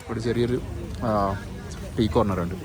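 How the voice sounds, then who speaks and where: A man's voice: lowish voice, steady tone, normal speed. Malayali man vlogging over noisy ambience. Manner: exclamatory, repeats short phrases. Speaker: travel vlogger. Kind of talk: casual handheld vlog commentary. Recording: noisy location audio with ambient din.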